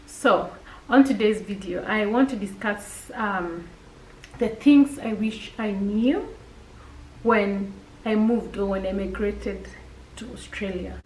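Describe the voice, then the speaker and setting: A woman's voice: medium pitch, slow, a little mellow, reverberant, recorded from a distance, slight background noise, poor audio. A woman with a Kenyan accent, chatting directly to viewers and giving practical advice in a casual vlog. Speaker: vlogger. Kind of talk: casual advice talk to camera.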